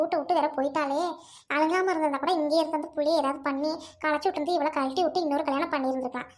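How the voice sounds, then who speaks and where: A bitter, scheming mother-in-law with a very high, piercing voice, played by a woman. She scolds and taunts in a family drama. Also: close to an everyday voice. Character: sharp-tongued scheming middle-aged mother-in-law.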